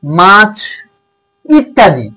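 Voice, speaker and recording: A man's voice: high voice, big pitch swings, drawn-out words, sharp tone, low-quality recording. A man tutor teaching a grammar lesson to schoolchildren, repeating points and checking in often. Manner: repetitive, checks in with "okay?".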